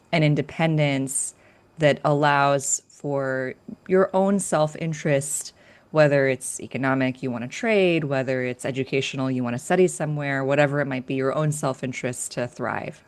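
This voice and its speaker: A woman from Northern California, a guest author in an interview, explaining her research in a clear, structured way. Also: low-pitched. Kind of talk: academic interview.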